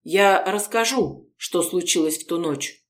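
Woman doing a weary young woman, soft, resigned, calm, audiobook. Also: mid-range voice, measured pace, close to an everyday voice. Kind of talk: audiobook character reading.

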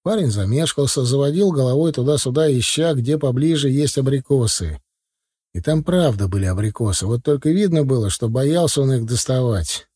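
Man reading an audiobook, wry n relaxed, warm husky voice, dry close sound. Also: mid-range voice, moderate pace, no echo. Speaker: audiobook narrator. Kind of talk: first-person audiobook narration.

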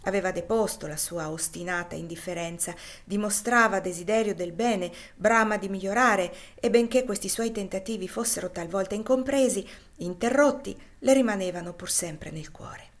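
Woman reading a classic novel aloud. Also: medium pitch. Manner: measured, expressive narration. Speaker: reader. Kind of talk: audiobook reading.

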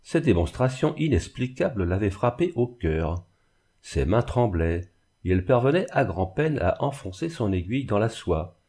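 A man narrating a classic novel in an expressive, dramatic reading. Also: on the low side, normal speed, slightly rough. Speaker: audiobook narrator. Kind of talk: literary reading.

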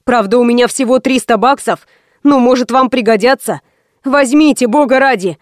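A woman reading an audiobook, voicing a timid, pampered young man who pleads in a high, frightened voice. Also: normal speed, dry recording, studio quality, close to an everyday voice. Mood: panicky. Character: young male host, pampered pretty-boy, timid. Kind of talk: audiobook character voice.

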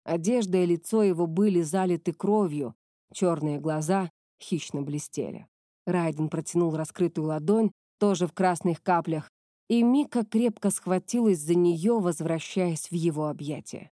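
A woman narrating a fantasy novel as an audiobook in a steady storytelling manner. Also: on the low side, normal speed, no echo, clean studio sound.

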